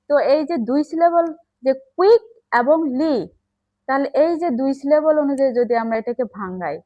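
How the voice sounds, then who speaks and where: A woman's voice: high-pitched, darkish tone, rough recording. A woman teaching an English grammar lesson, explaining step by step and checking in with the class.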